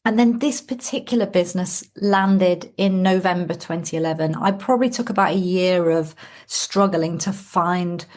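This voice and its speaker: A woman's voice: on the low side, normal speed, darkish tone. A woman from Wales, a sales coach, telling her story as a guest on a video call in a reflective way. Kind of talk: casual interview on a call.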